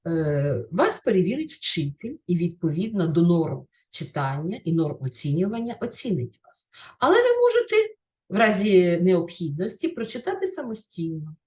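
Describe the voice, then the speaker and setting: A Ukrainian woman teacher reading a story aloud with clear, careful stress, then explaining the lesson to children. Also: on the low side, wildly swooping pitch, moderate pace, darkish tone.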